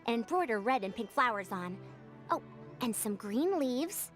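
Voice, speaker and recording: A woman's voice: on the high side, big pitch swings, normal speed. A woman voicing a proud, old-fashioned woman scholar in a game, speaking in a confident, matronly way. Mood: self-assured. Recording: game audio with music behind.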